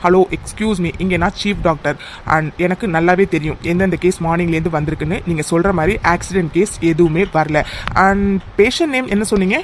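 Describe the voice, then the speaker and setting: A brisk, self-assured cartoon chief doctor, as a voice actor plays the part, dismissive and certain of every fact. The voice is mid-pitched with a light hiss of background noise. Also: natural voice. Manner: brisk and dismissive, mixes English phrases. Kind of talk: cartoon voice acting.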